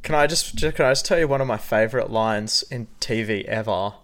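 Co-hosting a casual podcast chat, this young man speaks briskly in a lowish voice, spinning stories with plenty of jokes and frequent laughter in an animated way.

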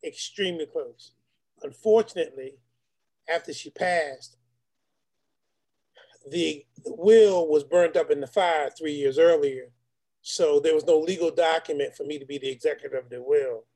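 A man's voice: on the high side, moderate pace, warm tone. A man, a deacon, telling a personal testimony to an online meeting in an earnest storytelling way, talking straight to the group.

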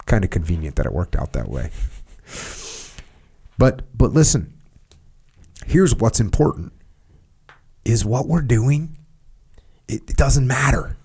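A man's voice: medium pitch, big pitch swings, measured pace, gravelly, long pauses, a little mellow, slightly rough. Male podcast host, mid-range voice, reads excerpts aloud and stops to unpack them conversationally. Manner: reads book passages aloud and breaks off to explain them in plain words. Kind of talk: podcast discussion reading from a book.

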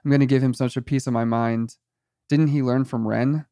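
Goofy eager teen guard, perpetually cheerful and chatty; man narrator voices him, mid-pitched. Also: fairly even intonation, moderate pace, warm tone, no echo, studio quality, close to an everyday voice. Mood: exasperated. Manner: cheerful, chatty, endlessly nice. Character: goofy, eager teenage male weed farm guard.

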